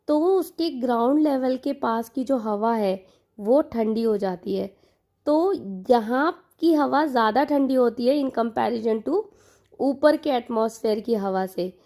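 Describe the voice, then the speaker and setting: Slow, high-voiced woman teaching. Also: warm tone. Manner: unhurried, repeats key terms, addresses viewers as learners. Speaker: online exam-prep teacher. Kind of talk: Hindi-English mixed lecture explaining to learners.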